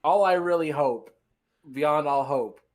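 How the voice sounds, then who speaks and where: A man co-hosting a gaming podcast in casual chat, relaxed and jokey, with a lot of "like" fillers. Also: on the high side, a little slow. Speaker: podcast co-host.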